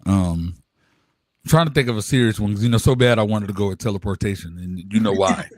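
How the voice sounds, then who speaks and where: A man's voice: fairly low pitch, a little fast, dry recording, studio quality. A man in his late thirties co-hosting a casual talk show, laid-back and full of slang, tossing in "bro" constantly. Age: 30s. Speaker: podcast co-host. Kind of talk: casual chat.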